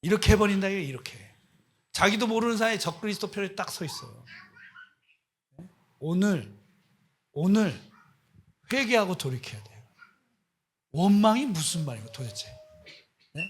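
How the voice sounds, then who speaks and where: A man's voice: sits high, big pitch swings, normal speed, pauses often, slightly rough. A man preaching as a missionary, impassioned and scolding, firing off rhetorical questions at his listeners. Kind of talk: sermon.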